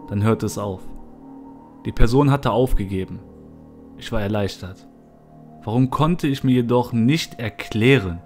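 A man narrating a horror story in the first person, in a somber, low-key manner. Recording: soft music behind.

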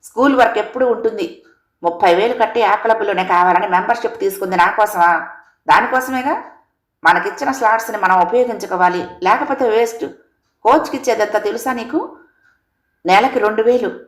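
A woman's voice: mid-range voice, brisk, close to an everyday voice. Woman putting on a pushy impatient dad, scolding, storybook reading, echoey room. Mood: angry. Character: impatient domineering middle-aged father. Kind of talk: storybook character voice. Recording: roomy echo.

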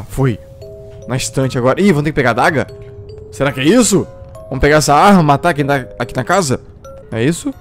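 A man commenting on a horror game as he plays, jumpy and talking to himself about what to do. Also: medium pitch. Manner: jumpy, exclaims and yelps at scares; talks to himself, asking what to do. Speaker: gameplay streamer. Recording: game music faint behind.

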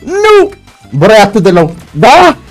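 A young man giving excited commentary over his own gameplay, shouting and laughing as fights swing and mixing in English slang. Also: a little high, faint music behind. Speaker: gaming YouTuber.

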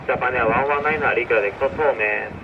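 A man working as an air traffic controller, heard over an aviation radio, reading clipped call signs and numbers in set radio phrases. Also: mid-range voice. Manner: clipped, rapid-fire call sign and number readouts. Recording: lo-fi radio with static hiss.

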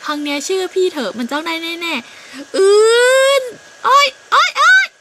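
A woman's voice: high-pitched, lively intonation, moderate pace, a bit bright, slight background noise. A woman voicing an eager young male crow who coaxes his little sister and yelps when things go wrong. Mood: panicked. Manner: coaxing, then yelping in panic.

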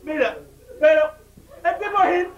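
A man's voice: very high-pitched, lively intonation, moderate pace. A man with a Cuban Spanish accent acting in a comedy sketch, playing a boastful male street tough who brags in a swaggering way. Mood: storytelling. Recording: slightly dull recording with faint noise.

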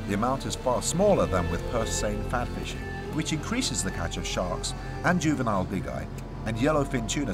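A man reading a scripted documentary voice-over in a measured, earnest way. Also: fairly low pitch. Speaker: documentary narrator. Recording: voice-over under loud music.

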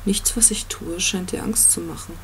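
A reader voicing an ancient, commanding yew-tree monster in an audiobook, with a slow, stately delivery. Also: mid-range voice, steady tone, a bit bright, a little hiss or hum, natural voice. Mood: dry, probing. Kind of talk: audiobook reading.

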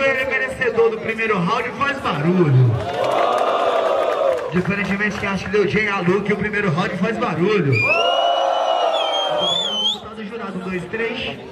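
A Brazilian man announcing to a crowd as battle host, with loud hype calls. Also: high voice, distant mic, very noisy. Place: crowded covered stage. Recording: echoey live venue, loud crowd.

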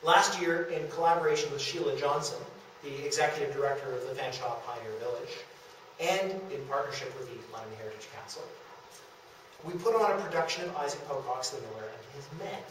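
A middle-aged-sounding man with a mid-range, fairly bright voice delivers a brisk history talk, telling stories to slides and acting out conversations. The setting is a small lecture room in a historic house. A camera mic several metres away picks up heavy echo and faint noise.

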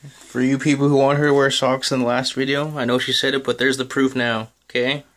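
A man's voice: medium pitch, little pitch movement, fairly quick, fairly bright tone. A man chatting casually from behind the camera, coaching as he films on a phone. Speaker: husband filming and coaching. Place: small home bathroom. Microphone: handheld phone, behind the camera. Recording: faint noise on phone recording.

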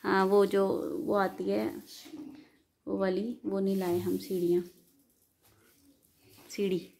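A woman's voice: mid-range voice, level tone, slow, gravelly, darkish tone. A young woman chatting casually in a home vlog, talking with her family and coaxing her pet to come over. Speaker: vlogger.

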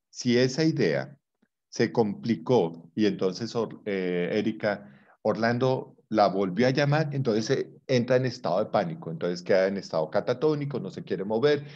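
A man's voice: on the low side, a little mellow, muffled recording. A man teaching a psychology class, explaining with playful examples and teasing his students. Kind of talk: online class lecture.

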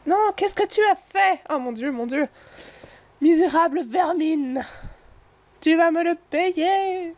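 A woman voicing a vengeful female tree spirit with high, strained, drawn-out cries. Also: fairly even intonation, a little mellow, close to an everyday voice. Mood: enraged.

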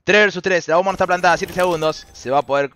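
A young Argentine man co-casts an esports match, shouting and laughing at the plays in slangy live commentary. His voice is high-pitched and fast.

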